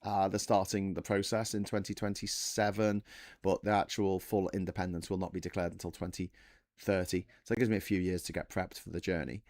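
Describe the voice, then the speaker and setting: A man in his forties chatting casually on a live stream, wandering from one bit of trivia to the next and correcting himself as he goes. His voice sits fairly low, and the sound is dry and close with no room to it. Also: little pitch movement, a little fast, darkish tone, dry recording. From England. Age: 40s. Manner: rambling, self-correcting, chatty with the chat. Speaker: livestream host.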